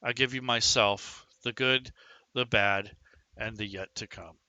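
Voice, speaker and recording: A man's voice: lowish voice, steady tone, measured pace, bright, forceful tone, dry recording, muffled recording. A man voicing a nervous, tearful young bride. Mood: tender.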